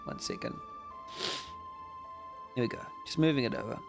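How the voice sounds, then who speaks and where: A man's voice: mid-range voice, wildly swooping pitch, moderate pace, creaky, loud music behind the voice. A man casually commenting as he plays and judges a game on a live stream, sleepy and wry. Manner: wry, chatty asides. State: sleepy, yawning. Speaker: streamer judging a game jam.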